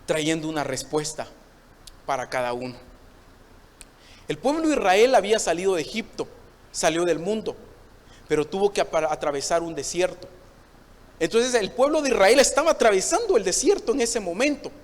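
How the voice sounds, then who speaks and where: A man's voice: high voice, lively intonation, normal speed, pauses often. A man who is a pastor, preaching a sermon and repeatedly calling out to his listeners as brother, recorded in a church. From Honduras. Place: church hall. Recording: long church reverb.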